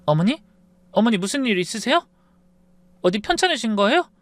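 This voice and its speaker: A man voicing a caring young daughter-in-law who speaks softly and warmly. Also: a little high, very animated, fairly quick, dry recording, voice pushed up. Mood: concerned. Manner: soft, warm, concerned.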